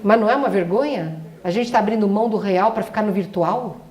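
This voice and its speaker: A medium-pitched, darkish voice moves at a quick pace in this spiritual lecture. The middle-aged woman, a doctor, speaks with emphasis and puts rhetorical questions to the audience in an echoey hall.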